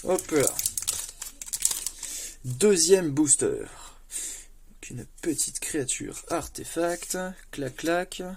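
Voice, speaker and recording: A man chatting casually as he opens trading card packs, with lots of fillers, stumbling over English card names and bursting with excitement at good pulls. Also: a little high, takes it slowly, a little hiss or hum. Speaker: card collector opening booster packs. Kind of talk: casual unboxing commentary.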